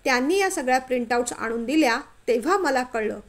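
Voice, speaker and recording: Woman doing an angry male boss, stern, accusing, high voice, storybook. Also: animated, fairly quick. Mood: furious. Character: angry middle-aged male office boss, harsh.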